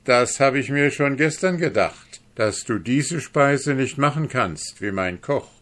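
A man's voice: mid-range voice, lively intonation, slow, fairly bright tone, voice pushed up. A man voicing a mocking, secretive foreign guest in an audiobook reading. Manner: sneering, mocking.

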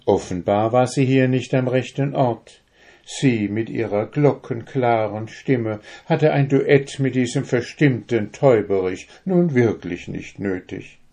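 A man reads a children's fable aloud, slow and unhurried, with a mellow, dark tone. His pitch sits in the middle range. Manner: calm, unhurried. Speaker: narrator. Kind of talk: storybook reading.

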